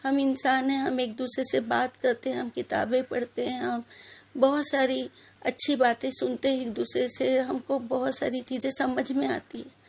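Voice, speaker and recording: A woman's voice: high-pitched, level tone, vocal fry, breathy edge. A woman in her thirties giving a religious talk, telling a personal story earnestly and putting questions to her listeners. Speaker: religious speaker.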